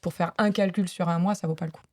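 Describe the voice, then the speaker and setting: A woman's voice: lowish voice, steady tone, fast, a little mellow. A woman speaking on a panel at a business talk, explaining her points casually with many fillers to a live audience. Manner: chatty, many fillers, laughs at herself.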